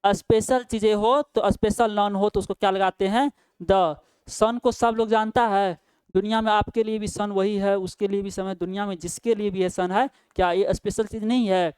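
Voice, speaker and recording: Male grammar teacher, smooth voice, asks and answers his own questions. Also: high voice, steady tone, normal speed, a little mellow, no echo. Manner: asks questions and answers them himself, with frequent "ठीक ना?" tag checks. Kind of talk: Hindi-language English grammar lesson.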